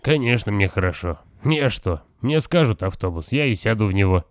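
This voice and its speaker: A man's voice: fairly low pitch, lively intonation, normal speed, no echo, clean studio sound, close to an everyday voice. A man voicing a gloomy, nervous, defensive teenage boy in an audiobook. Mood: sullen. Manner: sullen, defensive.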